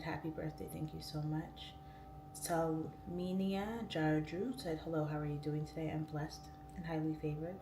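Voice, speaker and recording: Woman, late 30s, low voice, livestream host, speech slightly thickened by tongue piercing, roomy echo. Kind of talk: casual livestream chat, reading viewer comments aloud. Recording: roomy echo, distant mic, clear background noise.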